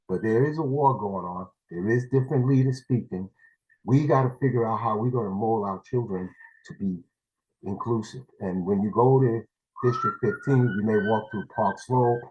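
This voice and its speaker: A man's voice: mid-range voice, a little mellow, poor audio. A man from New City, giving a rambling, blunt public comment over a video call as a parent. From New York City.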